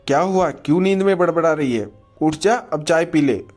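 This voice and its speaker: A woman's voice: deep voice, normal speed, darkish tone, soft background music, voice pushed up. A man voicing a worried middle-aged mother who scolds and fusses in a spoken horror story. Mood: fussing. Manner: scolding, fussing.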